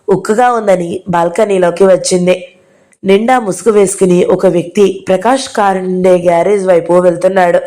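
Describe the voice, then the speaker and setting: A woman hosting her own channel, reading a novel aloud in a measured, even storytelling voice. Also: medium pitch. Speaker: audiobook narrator, channel host.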